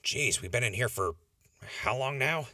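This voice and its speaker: A man's voice: mid-range voice, lively intonation, moderate pace, sharp tone, no echo. A man playing a weary, straight-talking but decent prisoner in an audio drama. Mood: fed up.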